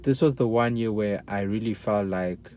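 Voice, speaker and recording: A young man talking candidly about his faith, earnest and halting, with many restarts and casual slang. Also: fairly low pitch, a little mellow. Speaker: guest sharing testimony.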